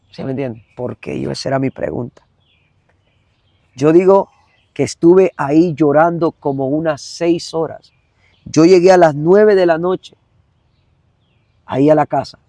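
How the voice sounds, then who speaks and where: A man's voice: fairly high pitch, mellow, no echo. A man giving an emotional personal testimony as an evangelist guest, earnest and repetitive, speaking straight to the listener.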